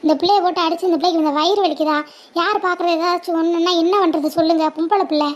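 A woman playing a scolding mother of two girls in a family drama, nagging sharply and without pause. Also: extremely high pitch, steady tone. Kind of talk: family drama role-play.

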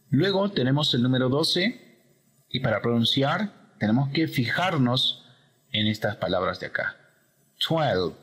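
A man's voice: medium pitch, fairly bright tone, breathy edge, long reverb tail. A man teaching English pronunciation, patiently explaining step by step.

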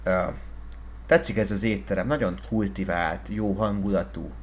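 A man in a game roleplay playing a self-important businessman, rambling on and at times shouting angrily. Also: low voice, slight background noise. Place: game voice chat.

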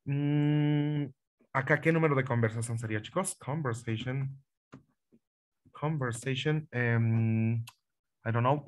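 A man's voice: mid-range voice, steady tone, slow, smooth. Patient male teacher on a video call. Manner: patient, repeats phrases, asks students questions. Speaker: English teacher. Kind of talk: online class instruction.

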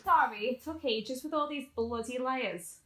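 Actress as an anxious young bride-to-be, bright high voice, roomy sound. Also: female voice, measured pace. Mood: wry. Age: young adult. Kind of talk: comedy short film acting. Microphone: video call.

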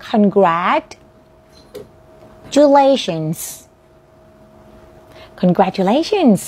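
A woman's voice: medium pitch, slightly rough. Friendly Thai woman teaching English words. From Thailand. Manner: friendly, models words for the viewer to repeat. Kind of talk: lesson on vocabulary.

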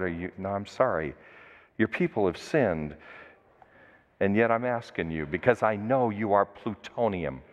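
A man's voice: on the low side, voice pushed down. A pastor voicing Moses as an earnest, humble prophet pleading with God for his people. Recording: dull recording with long church reverb.

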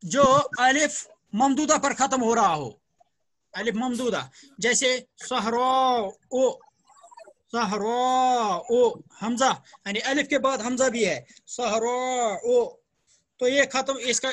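High, bright-voiced male Arabic teacher. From Jammu and Kashmir, India. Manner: patient drilling, repeats words, praises students often. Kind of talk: online grammar lesson with students. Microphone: video call.

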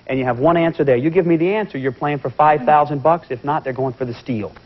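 A man hosting a TV game show, lively and joking with the contestants, heard on an old VHS tape recording. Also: a little high, quick pace, muffled recording. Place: TV studio with audience.

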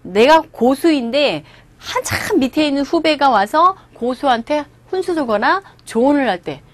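A woman teaching English through movie lines. She explains each phrase, repeats it slowly and acts out the lines. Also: sits high, expressive, dry recording.

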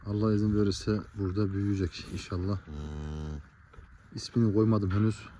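Breathless farmer with a dark, low voice. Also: male voice, little pitch movement, brisk, slight background noise. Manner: fond, coaxing talk to his cattle. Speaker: cattle farmer. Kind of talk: casual farm vlog to viewers.

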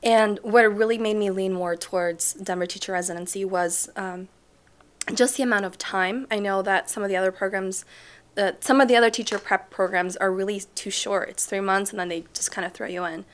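A young woman from Chile answers interview questions as a teacher, pausing often with ums and letting her sentences trail off softly. Her voice sits at an ordinary middle pitch, and she is recorded indoors in a school library. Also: steady tone. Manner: thoughtful, frequent ums, soft trailing off. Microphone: off-camera mic, seated interview framing.

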